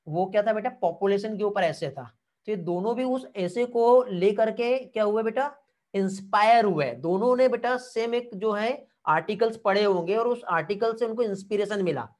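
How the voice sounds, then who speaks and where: A male biology teacher gives an online exam-prep lecture, calling his students "beta," repeatedly asking "theek hai" to check they follow, and responding to their comments. His voice sits high with a darkish tone.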